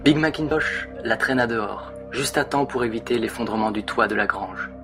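A man narrating a dramatic fan story in an expressive, theatrical way. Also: medium pitch, moderate pace, music in the background.

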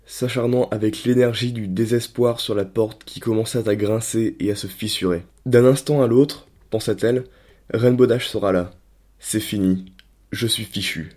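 A man narrating a dark story in a steady, dramatic reading voice. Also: mid-range voice.

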